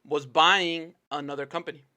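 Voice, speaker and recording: A man's voice: a little high, steady tone, moderate pace, bright, forceful tone. A man co-hosting a podcast in casual chat, telling a story with emphatic outbursts. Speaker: podcast co-host.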